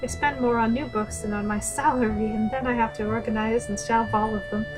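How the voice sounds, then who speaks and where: A woman's voice: on the high side, steady tone, a little fast, music in the background, close to an everyday voice. A woman voicing a flustered young woman librarian who rambles nervously in a visual novel reading. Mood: fretful.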